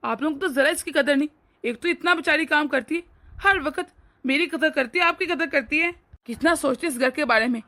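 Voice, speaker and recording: Woman playing the husband in a cartoon, highish bright voice, sweet to the wife, cold and bossy with his parents. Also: fairly quick. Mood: coaxing. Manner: firm, dismissive, coaxing. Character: young husband, doting to wife, harsh to parents. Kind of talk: animated family drama dub.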